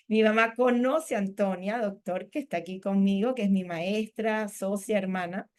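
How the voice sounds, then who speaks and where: A woman's voice: mid-range voice, fairly even intonation, normal speed, darkish tone. Candid middle-aged woman storytelling. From Panama. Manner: candid, conversational storytelling with many "o sea" asides. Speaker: spiritual teacher giving a workshop. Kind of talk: personal testimony talk.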